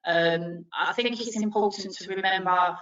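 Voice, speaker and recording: A woman's voice: mid-range voice, unhurried, fairly bright tone. A Welsh-born woman working as a train driving instructor, answering interview questions with many ums and restarts. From Wales. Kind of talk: interview answers on a video call. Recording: dull lo-fi audio, echoey, distant from mic.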